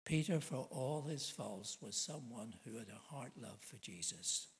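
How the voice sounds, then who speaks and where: A man's voice: medium pitch, animated, unhurried, rough recording. Earnest middle-aged male preacher. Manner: earnest, emphatic, asks rhetorical questions. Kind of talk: sermon.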